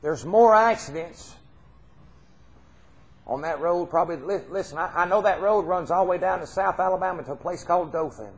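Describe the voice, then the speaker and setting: On the stage of a church hall, a middle-aged man with a Southern US accent gives a folksy, heartfelt, informal sermon at a normal speed. His voice is high-pitched, and he leans on repeated phrases for emphasis.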